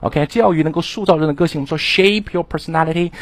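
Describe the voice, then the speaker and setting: A man lecturing students on English vocabulary, animated and exclaiming, often addressing the class directly. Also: a little high, fast, dry recording. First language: Chinese. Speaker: English exam teacher.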